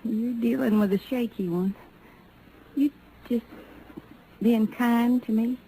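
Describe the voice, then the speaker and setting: A woman's voice: a little high, steady tone, slow, mellow, poor audio. An actress playing a prickly, proud young frontier woman with blunt rustic speech in an old-time radio Western. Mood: shy, awkward. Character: rough-edged, prickly young frontier cowgirl, shyly proud. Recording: vintage radio recording with faint noise.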